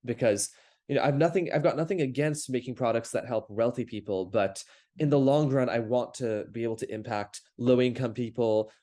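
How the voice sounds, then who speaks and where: This young man, raised in Paris, France, speaks with an American accent in a middle-pitched, mellow voice that runs a little fast. A startup founder appearing as a guest on a casual podcast interview, he is articulate and reflective, building his thoughts into long, flowing answers.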